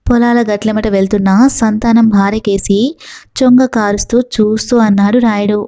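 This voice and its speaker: Mellow woman narrating a novel. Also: mid-range voice, steady tone, moderate pace, no echo, dull audio. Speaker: audiobook narrator. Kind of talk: novel reading.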